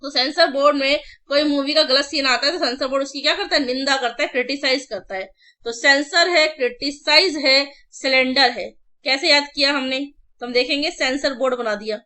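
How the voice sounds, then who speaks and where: High bright woman teacher chanting vocab. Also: a little fast. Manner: drills word lists in repeated chanting runs; explains memory tricks in casual Hindi mixed with English. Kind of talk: online exam-prep vocabulary class.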